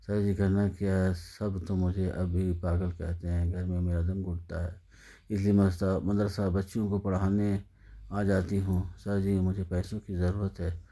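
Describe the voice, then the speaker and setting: A man's voice: low-pitched, little pitch movement, warm tone. A man reading the lines of a weary, hopeful young woman in a sad story, in his own narrating voice. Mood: pleading.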